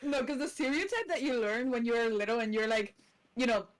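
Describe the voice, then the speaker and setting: A woman's voice: a little high, a little fast, poor audio. A young woman from outside Britain co-hosting a podcast, talking hesitantly and laughing often. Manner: hesitant, self-deprecating, laughs a lot. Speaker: podcast co-host. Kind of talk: casual chat.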